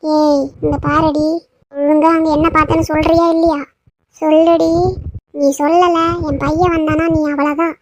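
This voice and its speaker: A woman voicing a scheming, sharp-tongued elderly mother-in-law in a cartoon, scolding and nagging. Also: high-pitched, level tone, moderate pace, a little hiss or hum, close to an everyday voice.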